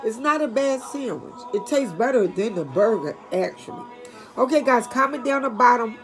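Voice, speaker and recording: Older lady chatting with her viewers about food, relaxed, music in the background. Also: fairly high pitch, moderate pace. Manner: chatty, talks straight to viewers. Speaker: food review vlogger. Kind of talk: casual chat to camera.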